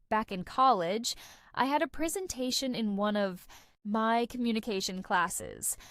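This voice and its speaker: A young adult woman hosting a podcast for English learners, narrating a script in an expressive, conversational way. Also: fairly high pitch, no room sound, studio quality. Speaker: podcast host.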